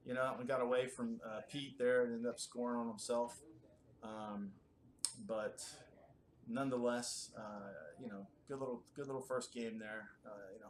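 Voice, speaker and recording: A man's voice: fairly low pitch, a little hiss or hum. A man, giving casual, chatty live play-by-play commentary with many fillers.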